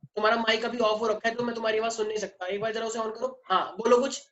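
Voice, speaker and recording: A man's voice: sits high, flat delivery, fast, a bit bright. A male physics teacher lectures over an online class, switching between Hindi and English and firing questions at his students to check they follow. The audio is muffled, with a faint hiss behind it. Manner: mixes Hindi and English, constantly quizzes students. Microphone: online class microphone.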